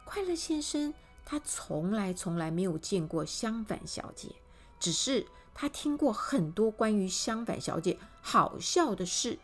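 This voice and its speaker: A woman reading a children's storybook aloud, animated and speaking directly to the little listeners. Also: mid-range voice, unhurried, faint music behind.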